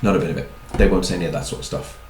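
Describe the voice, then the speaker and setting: A man's voice: low voice, steady tone, rapid-fire, darkish tone, reverberant, slight background noise, rough recording. A man giving a chatty talk on personality types, with wry asides and repeated words. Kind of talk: talk to an audience.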